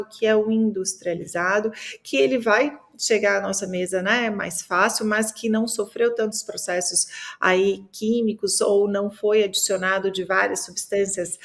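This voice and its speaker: A woman's voice: mid-range voice, fairly even intonation, moderate pace, creaky, few pauses. A woman from Minas Gerais talking about food in a casual podcast chat, explaining with many fillers and tag questions. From Minas Gerais, Brazil.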